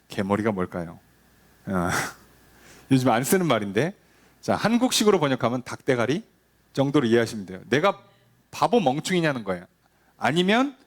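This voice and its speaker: A male pastor giving a conversational sermon, often asking the congregation rhetorical questions and acting out quoted lines. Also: medium pitch.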